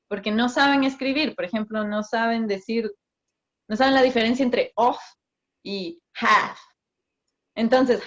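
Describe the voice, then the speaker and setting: A woman on a video call, explaining in an animated way with examples and laughs. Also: fairly high pitch. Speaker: guest, migration office worker in Australia. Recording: muffled video call audio.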